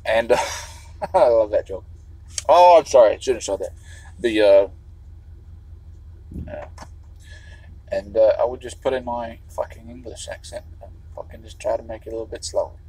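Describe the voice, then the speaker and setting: Rambling husky man in a vehicle. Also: fairly low pitch, moderate pace, pauses often, mellow, poor audio. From Chicago area. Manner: meandering, restarts, swears often. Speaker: livestreamer. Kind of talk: rambling livestream monologue.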